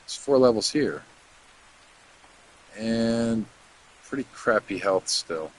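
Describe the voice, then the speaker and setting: A man in his thirties casually chats to his viewers as he plays a game, rambling from one topic to the next and muttering to himself while navigating menus. He's a game streamer whose medium-pitched voice is animated but slow-paced. The audio is poor, with a little hiss or hum.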